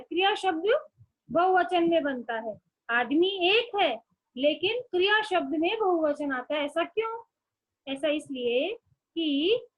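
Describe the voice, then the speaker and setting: A woman's voice: high voice, low-quality recording. A woman schoolteacher giving an online class lesson, speaking patiently and repeating words for young children.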